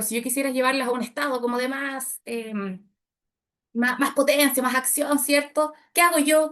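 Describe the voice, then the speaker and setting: A middle-aged woman teaching public speaking to a group of women, shifting her loudness and pace to demonstrate. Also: high voice. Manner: expressive, demonstrates loud and soft delivery. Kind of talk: workshop talk to women.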